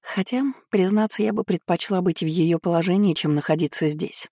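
A lively young duke's daughter, put on by an audiobook reader, who teases with an arch, playful lilt. The voice sits higher, warm and mellow. The sound is dry and close. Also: a little fast, dry recording, natural voice. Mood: wistful. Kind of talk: audiobook character reading.

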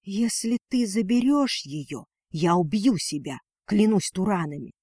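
A man voicing a fierce, protective dragoness mother in a storybook reading, his voice pushed higher and emotional. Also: expressive, unhurried, darkish tone, breathy edge, no room sound, studio quality, heavily acted. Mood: desperate. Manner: pleading then defiant, raised voice.

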